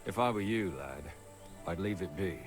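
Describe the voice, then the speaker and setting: An actor playing a hungover, disgraced older scribe in a video game, weary and gruff. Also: male voice, low-pitched, expressive, normal speed, music in the background. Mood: grim.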